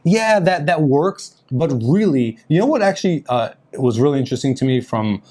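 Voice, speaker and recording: A man's voice: a little high, animated, moderate pace, warm tone. A man hosting a podcast, chatty and upbeat, talking with plenty of fillers. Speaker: podcast host. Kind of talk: casual podcast chat.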